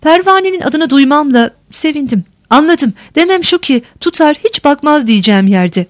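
A woman's voice: sits high, lively intonation, moderate pace, no echo, clean studio sound, pitched above the performer's own voice. A woman reading the part of a frightened young woman who answers evasively and pleads. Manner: pleading, hushed.

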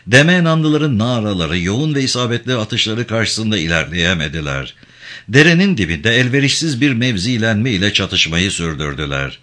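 A man reads a war novel aloud as audiobook narration, with a low, bright voice. His reading is dramatic and expressive, rising and falling widely in pitch.

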